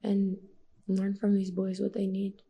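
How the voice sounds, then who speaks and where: A woman's voice: mid-range voice, a little slow, gravelly, slight background noise. A woman in her thirties with an American accent, a podcast guest talking candidly and telling stories with laughter. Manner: candid, animated storytelling with laughs. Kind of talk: casual conversational interview.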